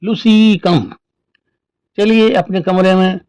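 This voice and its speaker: A man's voice: on the high side, lively intonation, a little slow, warm tone, no room sound, highs cut off. A man voicing a pampered middle-aged woman who dotes on her cats and whines about her illnesses, speaking in a coaxing, doting way. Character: pampered middle-aged woman, whiny hypochondriac cat lover.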